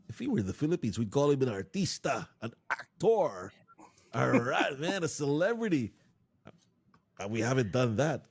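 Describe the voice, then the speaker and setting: This podcast host has a husky, mid-range voice and keeps his interview conversation casual. He cracks jokes and laughs a lot, his speech full of fillers and false starts.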